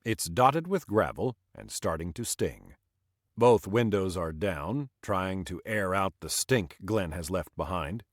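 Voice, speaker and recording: A man reads a survival audiobook in scripted narration. His low voice rises and falls expressively as he shifts slightly for each character. The sound is dry and close. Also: lively intonation, measured pace, no echo. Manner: reads dialogue with small voice shifts per character.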